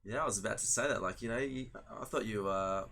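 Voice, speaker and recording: A man doing relaxed pool commentary, agreeable and repeating his words as he follows play. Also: fairly low pitch, quick pace, a little hiss or hum. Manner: easygoing, agreeable, repeats himself.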